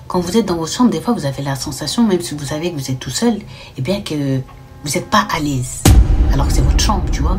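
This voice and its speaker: A young woman telling a spooky true story in a chatty, animated way, dropping into whispers at the tense parts. Her voice sits on the lower side for a woman. Soft music plays underneath. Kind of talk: casual horror storytime narration.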